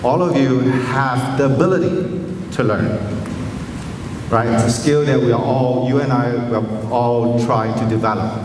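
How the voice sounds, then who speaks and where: A teacher with a Chinese accent delivers an inspirational graduation speech to students in a large school assembly hall, his medium-pitched voice steady. He sounds earnest and gently self-deprecating, with many pauses and fillers, and the recording is distant, echoey and noisy.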